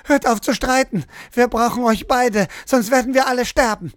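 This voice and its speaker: A man's voice: normal speed, dry recording, studio quality. A man voicing a frightened tearful little girl. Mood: pleading. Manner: high, pleading, upset. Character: frightened young girl pleading through tears.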